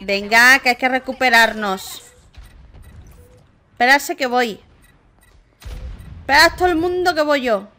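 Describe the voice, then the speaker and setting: High, bright excitable Spanish gamer girl. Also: unhurried, pauses often, faint music behind. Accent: Spanish from Spain. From Spain. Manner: excitable, shrieks and laughs when in danger. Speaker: gaming YouTuber. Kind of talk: live gameplay commentary.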